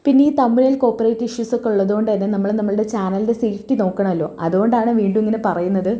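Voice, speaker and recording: A woman's voice: medium pitch, steady tone, rapid-fire, dark tone. A woman casually retelling a TV serial episode for her channel in a chatty way. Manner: chatty, adds ttoʼ tags to sentences. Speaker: serial recap vlogger.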